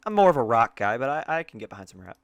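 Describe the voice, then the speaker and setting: A man's voice: medium pitch, very animated, racing, no echo, studio quality. A young man co-hosting a casual film podcast, rambling with lots of fillers and restarts. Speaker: podcast co-host.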